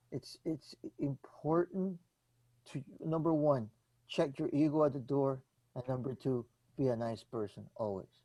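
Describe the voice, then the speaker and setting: A man's voice: medium pitch, warm tone, no echo, low-quality recording. Man, earnest and teasing. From Costa Rica. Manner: earnest, teasing, repeats for emphasis. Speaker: member of a brass quintet. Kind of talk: casual Q&A advice.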